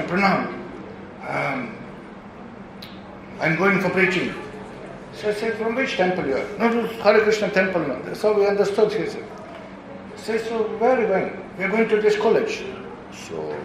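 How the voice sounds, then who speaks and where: Man from Europe, spiritual Q&A talk, anecdotal, fond of "you know", fairly high voice, very echoey room, steady background noise. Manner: anecdotal, peppers speech with "you know", acts out quoted voices. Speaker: visiting preacher answering questions.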